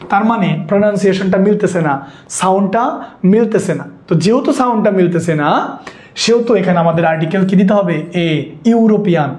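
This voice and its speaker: In an online exam-prep lesson, a man with a Bangladeshi Bengali accent covers English grammar in a high, slightly mellow voice that sounds reverberant. He repeats his points and keeps making sure the students follow along.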